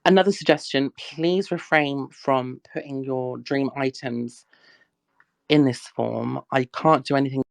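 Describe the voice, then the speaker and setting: A chatty woman hosts a casual livestream Q&A, reading questions and teasing her audience. Her voice has a gravelly, fry-tinged edge. It sounds close and dry, with no room echo. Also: rumbling low, fairly even intonation, measured pace. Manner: chatty, scolds the chat, laughs often. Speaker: livestream Q&A host.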